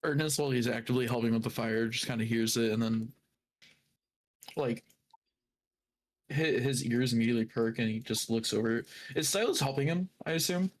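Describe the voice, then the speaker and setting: A man playing a tabletop game in a loose, casual way, speaking at an ordinary middle pitch. He swears freely and sometimes talks around a mouthful of food. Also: a little fast, pauses often, slight background noise. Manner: casual, swears often, talks while eating. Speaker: player. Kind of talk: casual tabletop role-play.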